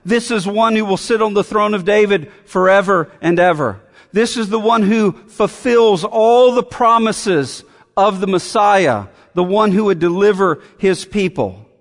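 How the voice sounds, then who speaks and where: Slow, high-voiced preacher. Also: male voice, big-room sound. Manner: slow, emphatic preaching with repetition. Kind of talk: sermon.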